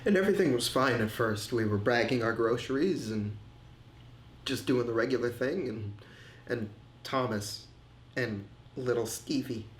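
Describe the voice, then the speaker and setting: A man acting as a grieving man recalls his past in a halting, faltering way, repeating words as he goes. His voice is mid-pitched and sits in a roomy, echoing space. Faint ambient sound hangs behind him. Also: a little hiss or hum, natural voice. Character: grieving middle-aged man, haunted, hesitant. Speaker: man recounting family tragedy. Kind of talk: film monologue.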